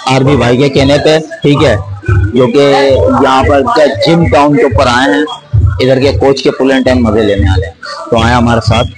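A man's voice: medium pitch, fairly even intonation, normal speed, over loud music, poor audio. A young man hosting a prank video, talking in a pushy, insistent, casual way in a large indoor gym. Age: young adult. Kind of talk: hidden-camera prank banter.

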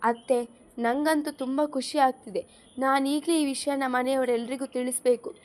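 A woman's voice: high-pitched, fairly even intonation, moderate pace, darkish tone, natural voice. Woman voicing a bubbly young wife. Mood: happy. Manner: bubbly, teasing. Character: happy young married woman, lively.

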